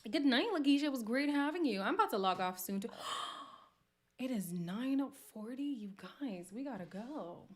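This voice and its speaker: Her voice on the high side and expressive, this Montreal woman keeps a moderate pace as she runs a relaxed livestream. She responds frankly to viewer comments, laughing a lot along the way.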